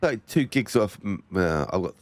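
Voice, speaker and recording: A man's voice: fairly low pitch, big pitch swings, normal speed, no room sound. A man chatting casually as he plays a game, with offhand, muttered asides. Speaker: gamer commenting while playing. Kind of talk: casual chat while gaming.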